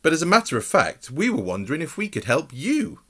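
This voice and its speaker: A man's voice: fairly high pitch, wildly swooping pitch, fairly quick, a bit bright, voice pushed up, full character voice. A man voicing a polite, well-meaning, nervous husband in a storybook, with a hesitant manner. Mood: surprised, polite.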